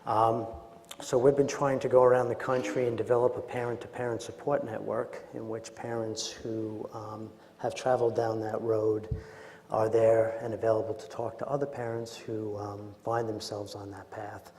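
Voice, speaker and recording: A man with a Queens, New York accent gives an informal conference lecture as a doctor, in a hesitant, halting, self-deprecating way. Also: on the low side, little pitch movement, a little mellow, a little hiss or hum. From Queens, New York, United States. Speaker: doctor presenting at a medical training. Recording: echoey hall with long reverb.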